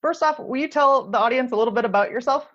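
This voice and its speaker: A woman's voice: sits high, fast talker, no room sound, lo-fi sound. A woman hosting a podcast in an informal, emphatic conversational way. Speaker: podcast host.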